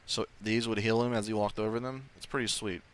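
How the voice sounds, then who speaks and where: A man's voice: on the low side, steady tone, fairly quick, clear, resonant tone. A man giving casual let's-play commentary, thinking aloud and swearing offhandedly. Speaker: gaming video host. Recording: faint game sound behind voice. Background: video game ambience.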